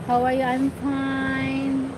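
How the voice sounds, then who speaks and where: High-voiced Filipino woman greeting her viewers. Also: completely flat delivery, takes it slowly, heavy background noise. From Philippines. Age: 40s. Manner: reads out viewer comments and greets them by name. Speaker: live stream host. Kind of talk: casual live stream chat.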